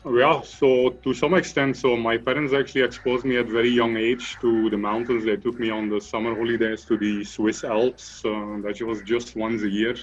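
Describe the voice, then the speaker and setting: A man's voice: mid-range voice, flat delivery, moderate pace, few pauses, muffled recording, soft background music. A man from Belgium, a guest in an interview, talking loosely with many fillers and restarts. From Belgium (Flanders). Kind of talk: conversational interview.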